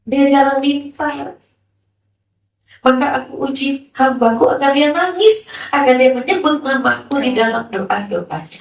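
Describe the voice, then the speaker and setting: A woman preacher giving a sermon to a gathering, talking in a lively way and asking many rhetorical questions. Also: high-pitched, normal speed. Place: hall with a listening audience. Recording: roomy, from a distance.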